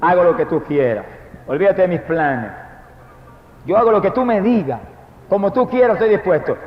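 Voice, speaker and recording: A man's voice: high-pitched, lively intonation, moderate pace. Fervent preacher man in an echoey hall. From Puerto Rico. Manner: fervent, swings from hushed to loud proclaiming. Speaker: evangelist preacher. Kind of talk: sermon testimony. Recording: echoey hall, dull lo-fi archive recording.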